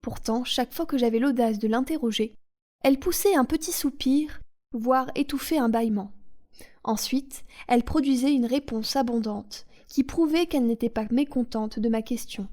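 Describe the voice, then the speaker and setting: A woman reading a novel aloud in a calm, soothing audiobook narration. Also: a little high, normal speed. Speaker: audiobook reader.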